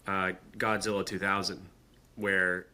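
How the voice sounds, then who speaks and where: A man's voice: low voice, level tone, measured pace, sharp tone. A young man co-hosting a podcast, chatting casually and sometimes hamming up a reading in a put-on voice. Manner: reads aloud in a hammy put-on voice, laughs easily. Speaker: podcast co-host. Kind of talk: casual chat.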